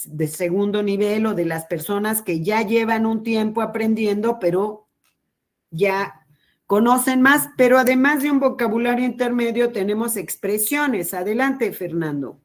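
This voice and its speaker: A woman with a Mexican Spanish accent giving a training lecture to teachers, explaining slowly and patiently with pauses. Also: mid-range voice.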